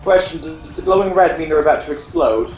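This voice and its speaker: A man's voice: fairly high pitch, brisk, darkish tone, echoey room, muffled recording, soft background music. A man playing a tabletop role-playing game, playful and a bit hesitant when he speaks. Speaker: player. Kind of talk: casual tabletop role-play chat.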